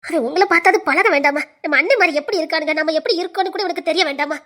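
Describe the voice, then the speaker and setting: A woman's voice: very high-pitched, racing, sharp tone. An actress playing a caring mother of grown sons, speaking with a Tirunelveli Tamil accent in a web serial. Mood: pleading. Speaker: mother in a family drama.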